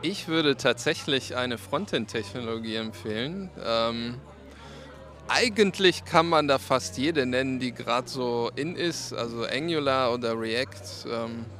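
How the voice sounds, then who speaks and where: Thirty-something dev guy, calm and thoughtful, outside with faint music. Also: mid-range voice. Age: 30s. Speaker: software developer. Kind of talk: casual interview answers. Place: outdoors at a summer party.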